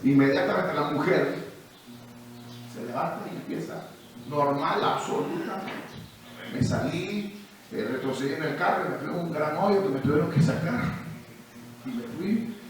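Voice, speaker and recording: A male pastor preaching and telling stories, going from quiet asides to shouted declarations, with a Peruvian Spanish accent. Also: fairly high pitch, moderate pace, long pauses, slight background noise. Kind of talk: sermon with testimony. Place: church hall. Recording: echoey church hall, distant mic.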